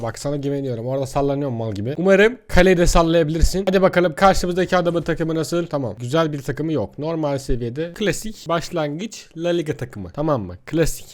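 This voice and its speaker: A young man giving excitable, frustrated commentary over his own gameplay, talking to the players on screen. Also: a little high. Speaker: gaming youtuber.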